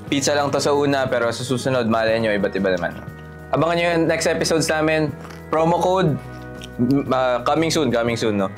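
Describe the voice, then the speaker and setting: A man's voice: medium pitch, brisk. A man co-hosting a casual chat, easygoing and fond of stories, speaking. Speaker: co-host. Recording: faint music underneath.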